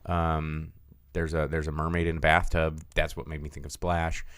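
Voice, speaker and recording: A man co-hosting a casual podcast chat, breaking into high mocking voices. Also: level tone, moderate pace, fairly bright tone, smooth, no echo, studio quality. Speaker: podcast co-host.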